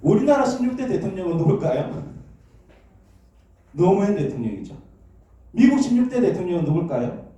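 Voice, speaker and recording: Pastor preaching in an echoey church. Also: male voice, sits high, very animated, moderate pace, long pauses, dark tone, lo-fi sound. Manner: call-and-response, asking questions and prompting amens. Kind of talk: sermon to a congregation with children. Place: church sanctuary. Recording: echoey church hall, distant mic.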